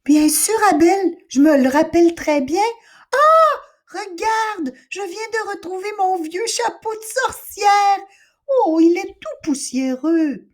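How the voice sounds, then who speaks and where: A woman voicing a bold, impatient young girl in a storybook reading, speaking brightly and playfully. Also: high-pitched, moderate pace, few pauses, pitched above the performer's own voice, natural voice. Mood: excited. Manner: bright, lively, teasing.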